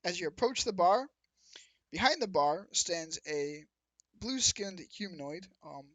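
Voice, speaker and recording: A man's voice: sits high, expressive, unhurried, a bit bright, no room sound. Self-correcting male game master, dry sound. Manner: rambling, corrects himself often. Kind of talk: narrating a tabletop game.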